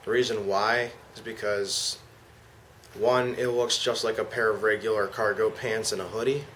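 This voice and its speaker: A man's voice: fairly low pitch, steady tone, normal speed, a bit bright. A man giving a casual, slangy product demonstration as an amateur reviewer. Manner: informal, slangy. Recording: clear background noise.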